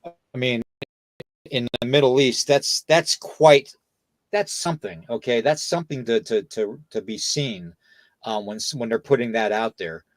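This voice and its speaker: A man's voice: medium pitch, normal speed, no echo. Man lecturing with repeated "okay?". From United States. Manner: lecturing, peppers points with "okay?" and "you know". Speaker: podcast host. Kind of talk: casual podcast talk.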